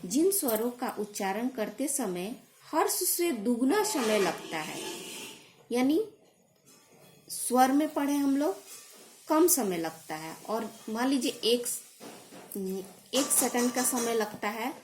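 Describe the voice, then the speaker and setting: A woman teacher giving a grammar lesson, explaining slowly and repeating definitions, sometimes correcting herself. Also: a little high, very animated, noisy background. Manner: slow, deliberate explanation with repetition; corrects herself mid-sentence.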